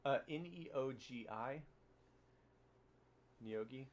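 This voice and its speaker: A man narrating as dungeon master, talking in a halting way with many fillers and restarts. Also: medium pitch, slight background noise. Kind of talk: narrating a tabletop game.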